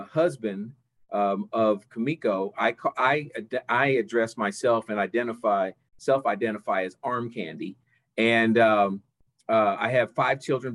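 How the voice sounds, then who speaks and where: An older man with a somewhat low voice answers as an interview guest on a video call. He talks conversationally but haltingly, with many pauses as he gathers his phrases. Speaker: interview guest, church district superintendent.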